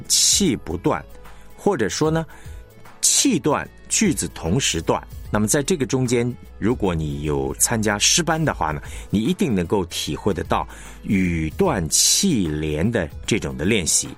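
Lively low-voiced male announcing teacher. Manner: measured, explanatory teacher who demonstrates phrasing aloud. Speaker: broadcasting instructor. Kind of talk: radio lesson on announcing technique.

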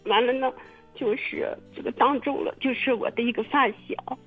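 A woman telling her own story in casual testimony, halting and repeating her words with many fillers. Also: high-pitched, fairly even intonation, slightly rough, soft background music. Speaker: testimony guest. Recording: muffled phone-line radio recording.

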